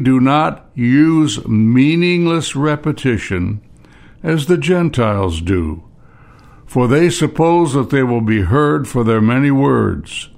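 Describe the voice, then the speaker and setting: An older man preaching a sermon, reading scripture slowly and measuredly, then adding plain asides. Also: medium pitch, gravelly.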